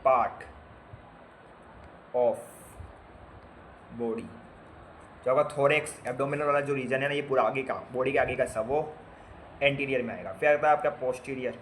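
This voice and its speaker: At normal speed and with frequent pauses, a man of medium pitch speaks in a steady, slightly bright tone. In this laid-back classroom lecture, he teaches nursing students basic medical terms by spelling and repeating word parts and quizzing them with playful asides. A little hiss or hum is audible.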